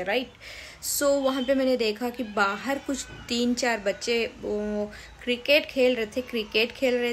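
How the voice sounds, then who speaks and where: Young woman vlogger, slightly high pitch, hesitant and upset delivery, faint ambience. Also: fairly bright tone, a little hiss or hum. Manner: hesitant, upset, full of fillers and restarts. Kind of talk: casual vlog talk to camera.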